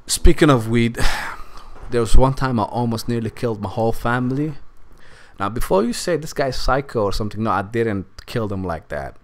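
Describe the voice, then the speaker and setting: A young man casually telling a candid personal story over gameplay, rambling and swearing freely. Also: lowish voice. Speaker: let's play gamer.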